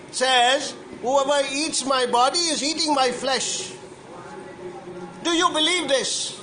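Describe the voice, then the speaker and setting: High-pitched priest talking slow to kids in church, keeps asking them questions. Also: male voice, pushed and bright, slight background noise, poor audio. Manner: slow, questioning, repeats questions to young listeners. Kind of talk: homily to children.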